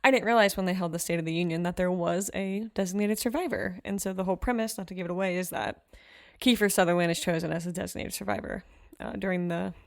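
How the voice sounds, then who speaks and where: A woman's voice: lowish voice, fairly even intonation, fast, gravelly. A woman teacher co-hosting a podcast, chatting earnestly with lots of fillers. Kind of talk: casual chat.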